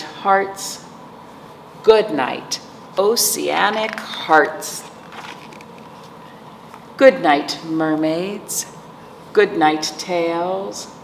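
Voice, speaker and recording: A woman with a lower voice reads and chats for children in a storytime set in a room with an aquamarine wall. Gentle and playful, she treats her young audience as friends, while the recording echoes and has clear background noise.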